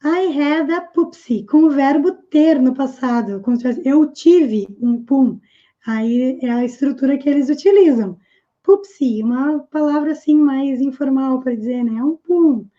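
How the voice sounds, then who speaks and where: Woman English teacher, high and mellow, slow and patient delivery, dull lo-fi sound. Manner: patient, repeats English phrases slowly and clearly. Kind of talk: explaining an English lesson.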